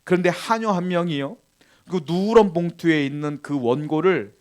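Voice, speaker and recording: A male pastor delivers a sermon in a fairly high voice, pushing lines up with force and then dropping them low. He keeps asking the congregation questions and answering them himself. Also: moderate pace. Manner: emphatic preaching with rising and falling intensity, asks the congregation questions.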